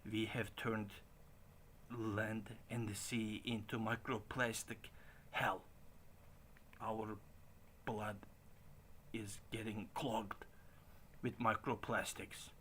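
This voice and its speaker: A man in his late forties talking casually in a halting way, with frequent restarts and chuckles. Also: lowish voice, little pitch movement, a bit bright, a little hiss or hum. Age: 40s. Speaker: stream host. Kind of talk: casual rambling monologue.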